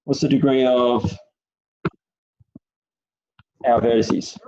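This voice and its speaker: A man teaching a maths lesson over a video call, his audio cutting out on a weak connection as he quizzes students in halting, restarted phrases. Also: medium pitch, level tone, darkish tone. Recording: dull lo-fi online call audio.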